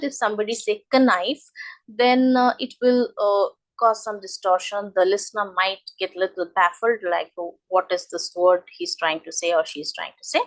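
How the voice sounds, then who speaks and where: Heard through poor audio, a woman with a medium-pitched voice coaches English speaking. She lays out the lesson haltingly and by demonstration, leaning hard on key words.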